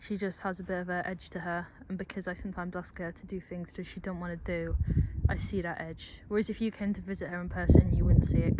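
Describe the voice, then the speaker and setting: A young woman chatting casually while she films her stable yard, rambling with joking asides. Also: fairly low pitch. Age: young adult. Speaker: vlogger at a horse yard. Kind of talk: casual vlog narration. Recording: outdoor background noise.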